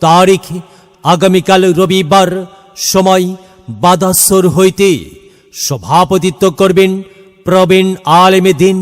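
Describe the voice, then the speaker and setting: A man's voice: high voice, fairly even intonation, takes it slowly, pauses often, clear, resonant tone. A man reading a scripted promotional announcement in a formal, declamatory, phrase-by-phrase delivery that edges into chanting. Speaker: announcer of a religious gathering advertisement. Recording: long hall reverb, music behind. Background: music.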